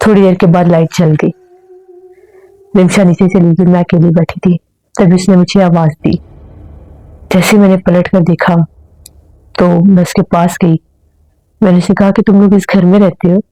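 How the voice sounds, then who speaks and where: A woman's voice: lowish voice, level tone, a little slow, pauses often, dark tone, no echo, poor audio. A woman telling a first-person horror story in an earnest storytelling manner.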